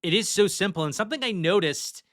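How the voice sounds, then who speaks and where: A man's voice: high-pitched, expressive, fast talker, a bit bright. A man hosting a casual movie podcast, chatty and loose, reading trivia from his notes and swearing now and then. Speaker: podcast host.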